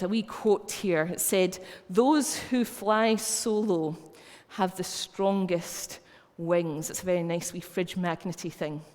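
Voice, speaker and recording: A woman's voice: mid-range voice, a little mellow. A woman with a Scottish accent preaching a sermon in a chatty, storytelling way. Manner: conversational, anecdotal storytelling. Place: church hall. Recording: long reverb of a church.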